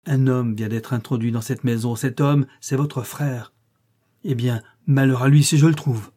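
A burly, jealous husband in a storybook reading, bellowing threats in a raised, husky voice, as the narrator acts him out. His tone is dark and his delivery loud and forceful. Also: medium pitch, a little fast, close to an everyday voice. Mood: furious. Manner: shouting threats.

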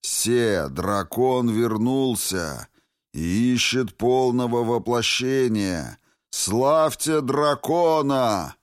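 A man voicing an ancient, wrathful ghost dragon in an audiobook, speaking slowly and solemnly. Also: medium pitch, animated, no echo, studio quality, pitched above the performer's own voice. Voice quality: slow, heavy, solemn delivery.

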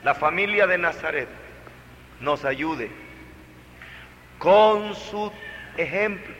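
A man preaching a sermon to families, emphatic and dramatic, with big swings from loud to soft. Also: a little high, extremely slow, in a large hall, muffled recording, slight background noise.

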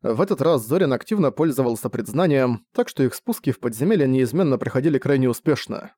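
A man reads a novel aloud in a steady, even narrating manner. His voice sits at a middle pitch. The recording is dry and close, with no room echo. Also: quick pace. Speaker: audiobook narrator. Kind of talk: scripted audiobook narration.

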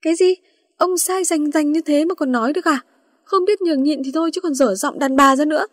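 A feisty young woman snaps back with indignant sass in a storybook tale, read by a woman narrator. The voice is high and close, with a dry sound. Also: fairly quick, no room sound, lightly acted. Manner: sassy, indignant. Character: feisty young female student, hot-tempered.

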